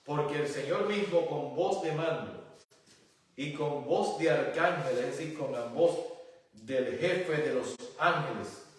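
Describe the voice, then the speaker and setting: A male pastor delivers a sermon, reading scripture aloud before breaking it down with rhetorical questions. His voice sits a little high for a man. It comes from well away from the microphone and rings heavily around a church hall. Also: slow pace. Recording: very echoey church hall, voice from a distance.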